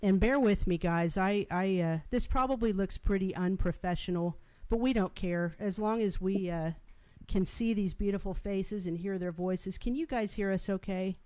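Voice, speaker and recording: A woman's voice: medium pitch, moderate pace, darkish tone, low-quality recording. A woman hosting a casual livestream, speaking in an informal, reassuring way. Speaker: host.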